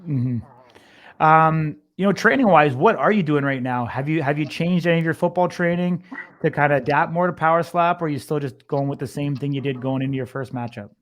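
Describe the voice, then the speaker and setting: A man's voice: on the high side, fairly quick. A man working as an interviewer, asking long, rambling questions in a conversational sports interview style.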